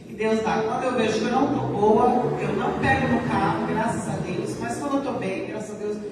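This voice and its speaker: A woman's voice: on the high side, brisk, crowd noise. A woman giving a simple, grateful testimony at a church service. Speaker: church member giving thanks. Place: church hall. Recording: echoey church hall from far off with background noise.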